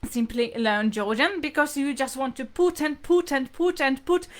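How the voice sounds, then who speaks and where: A language teacher hosts an informal livestream lesson, explaining things to viewers in a hesitant, repetitive way. Her voice is high-pitched and her speed normal.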